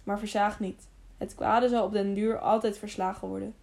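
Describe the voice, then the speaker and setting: A grave, kindly old hermit speaks in a soft, solemn, unhurried way, his voice mellow and warm, as a woman reads him aloud for an audiobook. The tone stays at a medium pitch throughout. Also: flat delivery, vocal fry, lightly acted. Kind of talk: audiobook reading.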